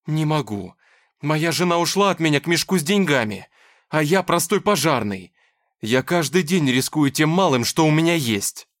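A man playing a desperate young firefighter who shouts and pleads. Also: fairly high pitch, animated, normal speed, lightly acted. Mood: pleading.

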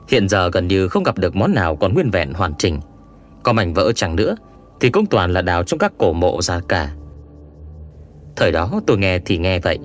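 A man reading an adventure audiobook aloud in a measured, expressive first-person storytelling manner. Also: deep voice. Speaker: audiobook narrator. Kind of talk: scripted first-person narration.

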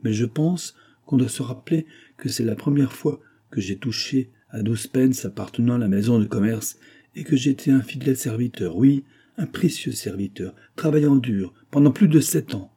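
A man's voice: medium pitch, normal speed, dark tone, slightly rough, pitched above the performer's own voice. A man reading the part of an accused male clerk who protests his honesty, in an indignant, protesting manner.

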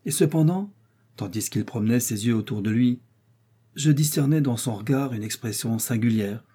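A man reading a classic story aloud as an audiobook narrator, in a measured storytelling manner. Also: mid-range voice, dark tone, husky. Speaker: audiobook reader. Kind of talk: scripted literary narration.

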